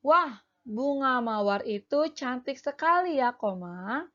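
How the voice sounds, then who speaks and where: A woman reading the lines of a cheerful young schoolgirl from a schoolbook dialogue, slowly and clearly. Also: high-pitched, animated, fairly bright tone, dull audio, exaggerated voice. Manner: reads dialogue aloud from a schoolbook.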